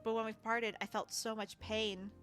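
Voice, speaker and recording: A woman voicing a heartbroken, self-aware robot villain who speaks in a halting, formal, mournful way. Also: on the high side, level tone, fairly bright tone, faint music behind, close to an everyday voice. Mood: remorseful.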